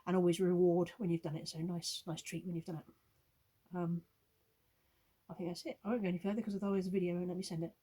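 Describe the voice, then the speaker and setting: Woman giving puppy advice in a casual video msg, lots of ums, calm and reassuring. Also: fairly low pitch, quick pace, breathy edge. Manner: reassuring, rambling with many hesitations. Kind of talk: casual recorded video message.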